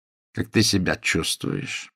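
A man voicing an excitable middle-aged fight manager who pleads and wails in an overwrought way. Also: slow pace, no room sound, studio quality. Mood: pleading.

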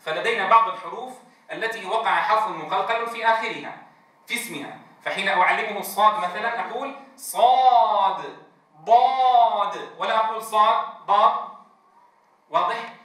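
A man's voice: high voice, quick pace, sharp tone. A man training Quran teachers in a lecture. He stretches out letter sounds to demonstrate them and keeps checking in with his class. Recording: very echoey room, distant mic.

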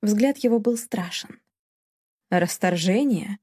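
A woman narrates an audiobook in a steady, dramatic storytelling manner. Her voice is dark and mellow. The recording is close and dry. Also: mid-range voice, brisk, no echo. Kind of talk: scripted narration.

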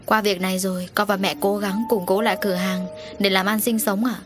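A woman voicing a grieving young daughter who gently comforts her mother in a storybook reading. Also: medium pitch, level tone, fairly quick, over music, lightly acted. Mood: tender consoling. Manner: soft consoling tone.

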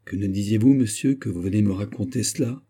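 A man reading aloud voices an irate, scheming royal intendant with a sharp, hostile tone. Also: fairly low pitch, fast, slightly rough. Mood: sour.

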